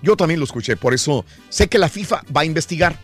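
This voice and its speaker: Guy hosting sports radio, high voice, really lively up and down, bit of music behind. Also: quick pace, slightly rough. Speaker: radio show host. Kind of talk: casual sports radio chat with listener greetings.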